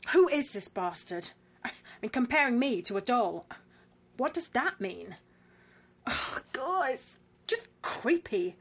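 An actress playing an unnerved, exasperated wife in a naturalistic drama, dry and brittle with sighs. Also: female voice, fairly high pitch, big pitch swings, slow, a bit bright, slightly rough, exaggerated voice. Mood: upset, indignant.

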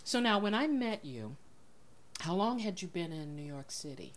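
A woman hosting a casual interview, chatty and relaxed, laughing often and filling pauses with "um" and "uh.". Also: on the low side, a crowd in the background. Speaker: podcast host.

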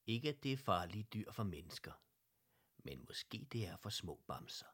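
A man reading a children's story aloud, gently and slowly, sometimes dropping to a whisper. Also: lowish voice, big pitch swings, husky. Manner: gentle, slow, slips into whispers.

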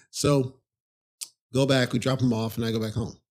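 Husky-voiced man telling a rambling story. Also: mid-range voice, fairly even intonation, a little slow, a little mellow. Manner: rambling, conversational, frequent "you know" asides. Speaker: podcast host. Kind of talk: casual storytelling monologue.

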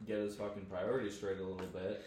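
Deep-voiced young man, blunt. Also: flat delivery, fast talker, a little mellow. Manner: blunt, casual swearing. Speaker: podcast guest. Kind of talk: casual chat. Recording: echoey room.

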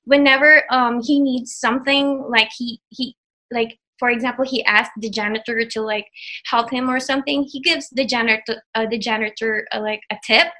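A graduate of an online program, this Filipino woman in her thirties talks in a casual interview with a Filipino accent, Tagalog being her first language. Her slightly high voice is pushed and bright, her tone steady and her pace moderate, and she hesitates often with fillers and restarts.

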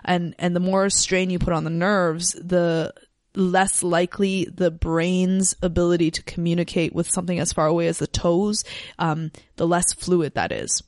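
Low-voiced woman explaining yoga casually. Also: steady tone, normal speed, a little mellow, no room sound, clean studio sound. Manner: thinks aloud with fillers and restarts. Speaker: yoga podcast co-host. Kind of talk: casual teaching chat.

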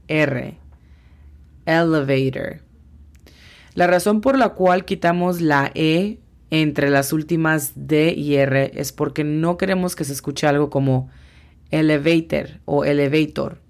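A woman teaching English vocabulary, spelling out each word sound by sound. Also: low voice. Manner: slow, spells words out sound by sound. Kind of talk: language lesson.

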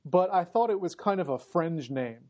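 A man's voice: high voice, expressive, moderate pace, a little mellow, dull audio. A man hosting a casual, joking podcast chat, sounding boxy as if inside a barrel on a built-in laptop microphone. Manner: joking, teasing. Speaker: podcast host; English professor. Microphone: embedded laptop microphone instead of headset.

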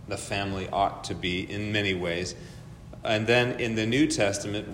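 A man teaching an adult church class and leading a prayer, often repeating words as he thinks, his voice echoing through a large church hall. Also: fairly bright tone. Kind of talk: lecture with opening prayer. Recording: echoey hall reverb with faint rumble.

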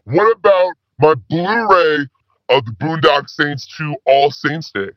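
A man playing a rambling, slang-talking male spy who calls in with his voice pitched down. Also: lively intonation, slow pace, no echo. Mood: laid-back. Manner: stoner slang, rambling, laid-back. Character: slacker male spy caller with disguised voice. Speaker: caller. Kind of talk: comedy call-in sketch. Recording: dull lo-fi phone call.

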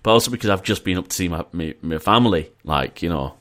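A man's voice: sits low, animated, fast, fairly bright tone. A man with a northern English accent from Yorkshire, hosting a casual podcast chat over an internet call, chatty and rambling with joking asides. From North of England. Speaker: podcast host.

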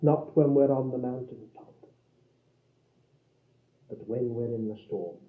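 A man preaching a sermon, swinging between loud declarations and hushed low phrases and repeating lines for emphasis. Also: slow. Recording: tinny, echoey old hall recording.

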